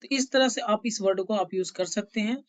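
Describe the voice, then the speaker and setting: A woman's voice: mid-range voice, a little fast. A woman English teacher giving a spoken lesson, explaining patiently, repeating words and checking that listeners follow.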